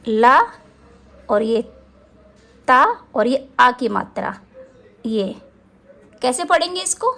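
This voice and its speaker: A woman teaching a children's spelling lesson, sounding out syllables slowly and asking the viewer questions as she goes. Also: fairly high pitch, animated, gravelly, fairly bright tone. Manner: slow, drawn-out syllables for pronunciation practice.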